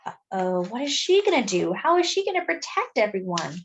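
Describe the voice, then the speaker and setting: Speaking in a mid-range voice, a woman performs a children's story with drama and deliberate expression, as if telling it to little ones. There is slight background noise.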